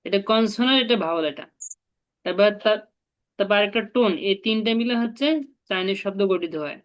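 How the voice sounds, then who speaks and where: Speaking fairly quickly in a mid-range voice, a woman gives a language lesson. She patiently walks through it step by step and has the learner repeat after her.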